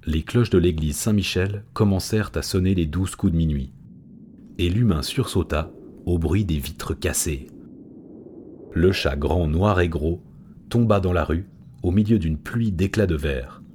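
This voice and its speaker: A man narrating an audiobook in a steady, measured storytelling manner. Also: sits low, slight background noise.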